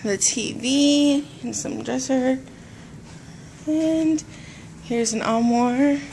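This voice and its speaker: A woman speaks slowly and unhurriedly as she shows around a hotel room, her voice a little high. It sounds like a handheld phone recording indoors, with clear room noise behind her. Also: dark tone. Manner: slow, easygoing pointing-out of things. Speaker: vlogger giving a hotel tour. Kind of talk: casual walkthrough narration. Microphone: handheld phone camera.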